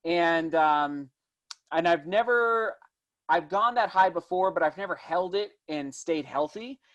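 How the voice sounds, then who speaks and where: High-pitched man chatting in an interview. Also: animated, unhurried, fairly bright tone, muffled recording. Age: 30s. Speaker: interview guest, distance runner and vlogger. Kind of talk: casual conversational interview.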